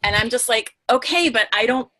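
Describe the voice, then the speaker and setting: On a podcast panel, a book editor talks in an emphatic, informal, gushing way, casual and candid throughout. Her pitch is fairly high, her pace a little fast, and her tone sharp, with no echo in the recording.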